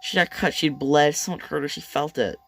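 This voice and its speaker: A man's voice: fairly high pitch, brisk. A man voicing a loyal, hot-headed young woman in a manga read-aloud, pleading in a raised, urgent voice. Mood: impassioned.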